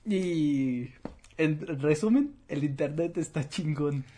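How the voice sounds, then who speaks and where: A man's voice: a little high, takes it slowly, mellow. Mexican man explaining slang, playful. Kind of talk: casual chat.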